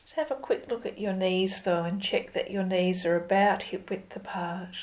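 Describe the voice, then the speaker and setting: A woman leading a yoga class as instructor, giving calm, gentle, step-by-step cues in an unhurried way. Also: medium pitch. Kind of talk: slow guided yoga instruction.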